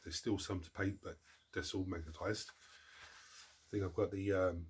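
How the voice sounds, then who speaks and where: A man hosting a hobby channel chats casually through viewer questions, congested from a cold and rambling as he interrupts himself and restarts words and sentences. His voice is deep and steady at a measured pace, with slight background noise.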